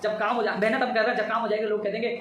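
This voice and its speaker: Emphatic man, fast and echoey. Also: high-pitched, level tone, far from the mic, noisy background. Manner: emphatic, repetitive, campaigning. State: tired after a long day. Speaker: job-seeker advocate giving updates. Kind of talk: live-stream update to followers.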